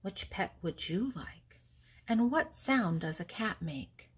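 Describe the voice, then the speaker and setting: An older woman reads a picture book aloud to young children, deliberate and teacherly, asking questions and answering them herself with pauses between words. Her voice is medium-pitched, animated, and husky.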